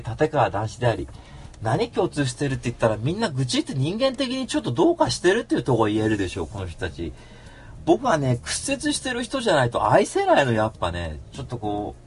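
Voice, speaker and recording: A man's voice: medium pitch, slight background noise. A man hosting an internet radio show alone, telling rambling anecdotes and acting out the people he quotes. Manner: rambling anecdotal storytelling, acts out quoted voices. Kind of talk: casual solo radio monologue.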